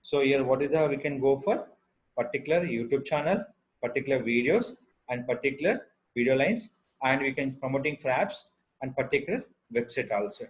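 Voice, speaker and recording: A man with an Indian Telugu accent presents an unscripted step-by-step software tutorial in halting, repetitive instructional phrases. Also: medium pitch, expressive, poor audio.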